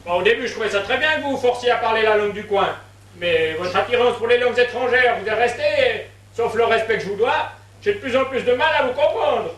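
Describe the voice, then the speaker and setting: A rambling, half-deaf old husband, played by a man in a stage comedy, his voice pitched very high. He mishears and misunderstands everything. Heard from far off on an echoey stage, with noise behind. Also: lively intonation, fast talker, fairly bright tone. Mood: puzzled. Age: older. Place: theatre stage.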